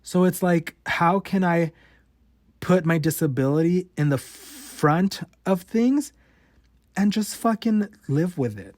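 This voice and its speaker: Animated yet slow, a high-voiced podcast host in his late twenties delivers a blunt personal monologue laced with swearing. His tone is darkish, and his stutter produces repeated words and cut-off sounds. The studio-quality recording has no echo.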